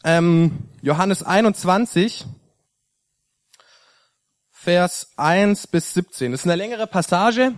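A young man with a fairly high voice delivers a sermon, moving from a personal story into a long Bible reading. He speaks earnestly and personally, now and then stumbling and restarting a word. The sound is close and dry, with no room echo. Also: animated, takes it slowly, long pauses. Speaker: preacher.

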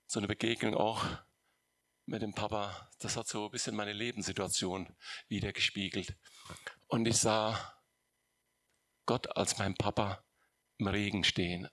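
A man's voice: fairly low pitch, creaky, a bit bright, slightly rough, no room sound. A man giving a heartfelt personal testimony at a church service. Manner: emotional, heartfelt storytelling. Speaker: congregation member giving a testimony.

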